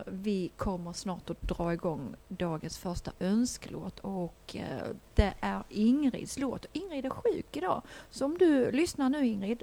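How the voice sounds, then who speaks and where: A woman's voice: mid-range voice, dark tone. A woman hosting a casual community radio show, chatting loosely, giggling and using plenty of fillers. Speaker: radio host.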